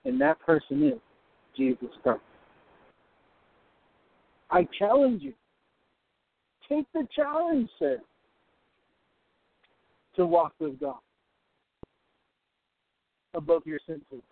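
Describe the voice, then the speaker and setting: A man with a very high, gravelly, sing-song voice phones in from a car winding through the hills, preaching prophecy with fervor and addressing the listener head-on. He takes it slowly, with long pauses, while the buzzy, tinny line keeps breaking up.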